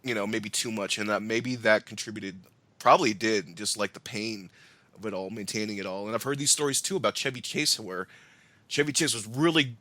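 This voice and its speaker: A man co-hosting a podcast, talking about films in an animated way, laughing and swearing now and then. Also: on the low side, fairly quick, dry recording. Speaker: podcast co-host. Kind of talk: casual film discussion.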